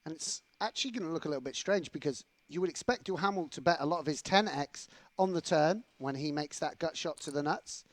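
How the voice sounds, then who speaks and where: A man with a slightly high voice calls poker action play by play. His delivery is lively and rises toward the big moments. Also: brisk, few pauses, no room sound. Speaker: play-by-play commentator. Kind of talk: poker commentary.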